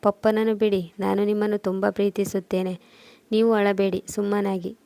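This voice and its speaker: A woman reading the lines of an innocent little boy who gently comforts his mother. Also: mid-range voice, little pitch movement, moderate pace, creaky, no room sound, close to an everyday voice. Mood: tender. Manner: gentle, soothing.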